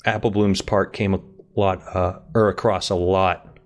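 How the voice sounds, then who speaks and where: A man's voice: low-pitched, level tone, a little slow. A man hosting a casual fan podcast, moderating the discussion with jokes and frequent restarts. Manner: joking, loosely moderating, many restarts.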